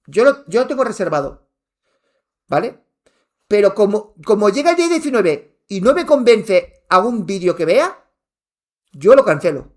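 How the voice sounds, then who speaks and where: Guy streaming, fired up and half yelling, voice jumps all over the place, keeps repeating himself. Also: high voice, big pitch swings, normal speed, pauses often. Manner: heated, ranting, repeats himself, swears, near shouting. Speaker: gaming streamer answering chat. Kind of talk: live stream rant. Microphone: wearing headphones.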